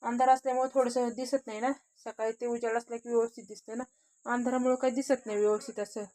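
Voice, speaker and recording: A woman's voice: on the high side, flat delivery, fast talker, mellow, dry recording. A woman vlogging casually about her home outdoors at dusk, filming on a phone as she walks and chats, often repeating herself to point things out. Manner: chatty, repeats "hey bagha" often. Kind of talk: casual home tour vlog.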